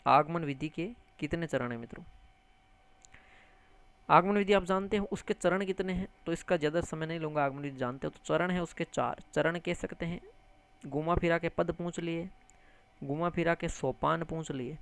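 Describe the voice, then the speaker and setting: A man teaching an exam-prep lesson, animated, repeating key terms and addressing listeners as friends, with English words mixed into his speech. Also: on the high side, moderate pace, vocal fry, clean tone. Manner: mixes English words into lecture.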